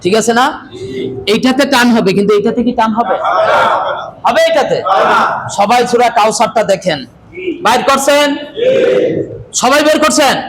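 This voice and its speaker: A man teaching a Quran reading class, loudly firing questions at his students. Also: extremely high pitch, normal speed, pauses often, noisy background. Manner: loud, drilling questions at the class, often calling out. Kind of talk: classroom lesson.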